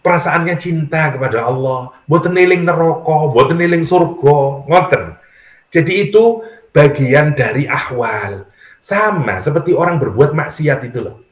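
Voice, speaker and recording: A middle-aged man with a Javanese accent giving a lively, conversational religious lecture. He acts out the prayers of worshippers and mixes in humor. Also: fairly high pitch, unhurried. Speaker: Islamic preacher. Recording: echoey room.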